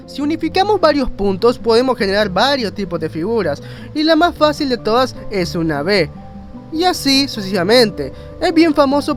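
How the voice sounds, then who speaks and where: A video narrator and graphic designer, a man with a very high voice, talks through an informal explainer. He rambles in a conversational way, tossing in self-mocking asides, while faint music plays underneath.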